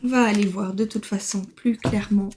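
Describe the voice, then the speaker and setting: A woman's voice: medium pitch, fairly even intonation, normal speed, over loud music. A woman giving a casual tarot reading to camera, chatty, with many fillers and laughs. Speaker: tarot card reader.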